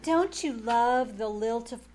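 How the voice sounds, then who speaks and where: A woman playing a prim, bashful, bookish aunt, halting and genteel, in 1940s radio comedy style on a live stage recording. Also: a little high, a crowd in the background. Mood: genteel, shy. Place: small-town theater stage, live performance.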